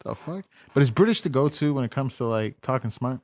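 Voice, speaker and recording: A man's voice: medium pitch, animated, a little fast, a little mellow. A man co-hosting a podcast in casual chat, telling stories with crude jokes. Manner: profane, joking storyteller. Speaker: podcast co-host.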